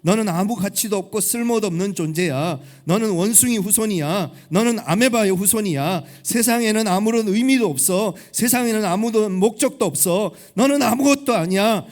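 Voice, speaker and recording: A man's voice: high-pitched, moderate pace, few pauses, darkish tone, pitched above the performer's own voice, lightly acted. A man voicing a scornful devil in a sermon, hurling insults with rising emphasis. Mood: contemptuous. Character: scornful whispering devil, contemptuous.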